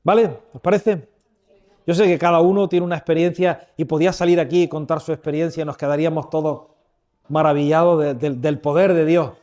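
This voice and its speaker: A man's voice: on the high side, fairly even intonation, a little fast, darkish tone. A man in his fifties from Andalusia, preaching an informal sermon into a microphone to a live audience, chatty and humorous, often asking the audience questions. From Andalusia, Spain. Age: 50s. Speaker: preacher leading a church workshop. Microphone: handheld or stand microphone.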